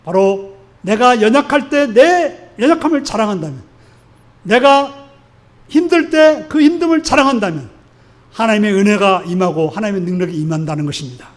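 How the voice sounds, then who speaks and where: A man's voice: sits high, lively intonation, moderate pace. A male pastor preaching a Sunday sermon in an earnest, exhorting way, putting question after question to his congregation. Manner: asks the congregation frequent rhetorical questions.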